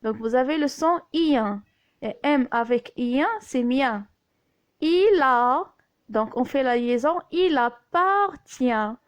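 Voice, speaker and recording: A woman's voice: a little high, darkish tone, dry recording, muffled recording. A woman, teaching a reading lesson and sounding out each word letter by letter. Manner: slow, spelling out sounds letter by letter. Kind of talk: slow reading lesson with phonics.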